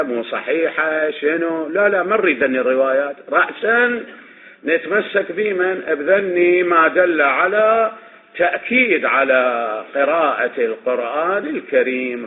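Iraqi man lecturing over a tinny line. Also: mid-range voice. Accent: Iraqi Arabic. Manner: questions students and answers himself; repeats and restates points. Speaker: religious studies teacher. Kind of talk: classroom lecture on legal reasoning. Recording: tinny phone-like recording with faint noise.

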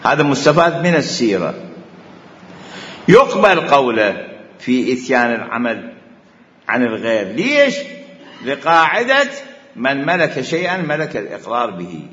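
A man's voice: medium pitch, huge pitch swings, moderate pace, long pauses, a bit bright. A man with an Iraqi Arabic accent giving a religious law lecture, arguing a point by posing questions and then answering them himself. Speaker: jurisprudence teacher. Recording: echoey hall, dull muffled sound.

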